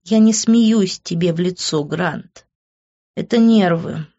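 A woman narrating a romance audiobook in the first person, in a steady, expressive manner. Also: lowish voice, slow pace, lo-fi sound. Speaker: audiobook reader.

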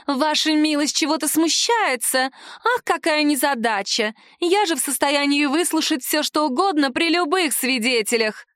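A woman's voice: high voice, lively intonation, normal speed, a bit bright, no echo, studio quality, pitched above the performer's own voice. A woman voicing a snide, haughty young elf-dryad woman in an audiobook, mocking and sneering.

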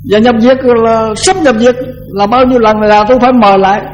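An older man, a Buddhist monk, giving a conversational dharma talk that often repeats words and slows down to chant verses. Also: very high voice, steady tone, soft background music, low-quality recording.

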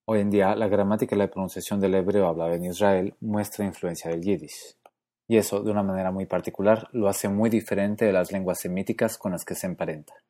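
A man giving a scripted educational narration about a language, measured and explanatory, slowing down to spell out example words. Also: deep voice, steady tone, mellow. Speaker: language lecturer.

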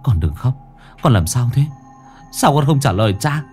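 A man voicing a grieving young father who pleads in loud cries in a storybook reading. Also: medium pitch, big pitch swings, normal speed, soft background music, lightly acted. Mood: desperate.

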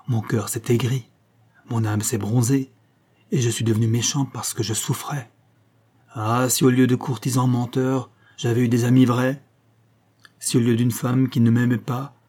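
A man's voice: medium pitch, dark tone, husky. A man reading an audiobook, voicing a bitter, scheming duke in a brooding, wheedling tone. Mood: pleading. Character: scheming middle-aged duke, bitter, seductive.

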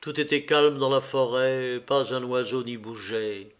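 A man reading a classic novel aloud in a measured, literary narration. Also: mid-range voice, flat delivery. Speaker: audiobook reader.

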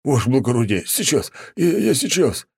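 A man's voice: low voice, a little fast, no echo, clean studio sound. A man voicing a grey-haired groundskeeper of about forty, a frightened servant who pleads in a trembling voice. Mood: frantic.

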